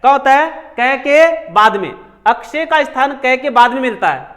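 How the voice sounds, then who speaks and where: A man's voice: very high-pitched, expressive, moderate pace, a bit bright. A male teacher giving a classroom grammar lesson, repeating key words and asking questions that he answers himself. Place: coaching class.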